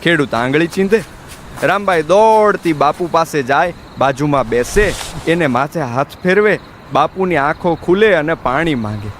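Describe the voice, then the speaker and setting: Expressive male audiobook narrator. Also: on the high side, normal speed, a little hiss or hum.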